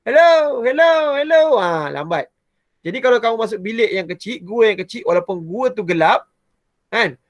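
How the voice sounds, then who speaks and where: A Malaysian Malay man teaching primary science to a class, with a high voice. He explains in a chatty, animated way and often starts a sentence with "ha". The sound is close and dry. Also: moderate pace, no room sound. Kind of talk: explaining a lesson to pupils.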